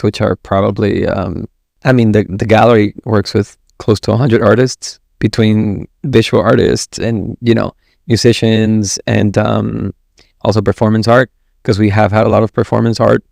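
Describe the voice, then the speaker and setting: A man's voice: lowish voice, moderate pace, gravelly, no room sound, clean studio sound. A man from Ecuador, a gallery director, chatting casually as a podcast guest, rambling with restarts. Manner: relaxed, rambling, with many restarts. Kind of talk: casual interview chat.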